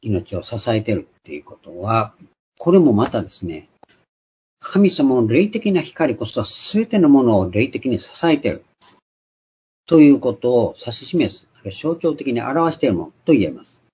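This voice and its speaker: A man preaching a sermon, emphatic and shouting out quoted cries. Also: medium pitch, big pitch swings, normal speed, a little hiss or hum. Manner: emphatic, raises voice sharply for quoted exclamations. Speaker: pastor. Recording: dull lo-fi recording.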